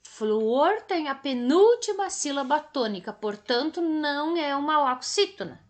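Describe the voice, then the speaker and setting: Brazilian woman teacher, high voice, unhurried lesson for kids. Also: lively intonation. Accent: Brazilian Portuguese. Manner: slow, drawn-out and didactic, stretching words for emphasis. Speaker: primary school teacher. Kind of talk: recorded remote lesson for children.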